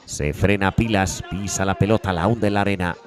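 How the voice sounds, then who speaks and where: Man doing excited breakneck goal commentary. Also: deep voice, over music, crowd noise. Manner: breakneck goal commentary, shouting drawn-out repeated goal calls. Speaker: sports commentator. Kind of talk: live beach soccer play-by-play commentary.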